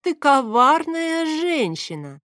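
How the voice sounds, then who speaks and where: A man's voice: extremely high pitch, sing-song, takes it slowly, bright, forceful tone, no room sound, voice pushed up, full character voice. A woman reading aloud, voicing a wry man who sighs and drawls his teasing remarks, in a dry close recording. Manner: drawling, sighing.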